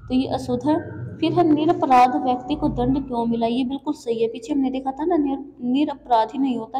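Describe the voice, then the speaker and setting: A woman's voice: high-pitched, dark tone. A woman teaching a grammar exam-prep lesson, explaining each sentence step by step and asking and answering her own questions. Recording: echoey, dull lo-fi room sound.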